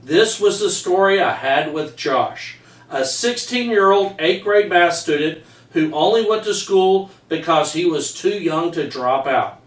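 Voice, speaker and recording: A middle-aged man, a teacher, earnestly reads his own story aloud, stumbling over some words. His voice is a little high, with lively intonation and a measured pace, recorded in an echoey room from a distant microphone.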